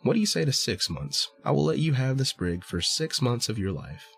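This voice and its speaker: A man's voice: mid-range voice, very animated, normal speed, creaky, fairly bright tone, breathy edge, faint music behind, pitched above the performer's own voice, heavily acted. A man voicing a sly little male dwarf who haggles and coaxes in a storybook reading. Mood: coaxing. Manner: wheedling, coaxing haggler.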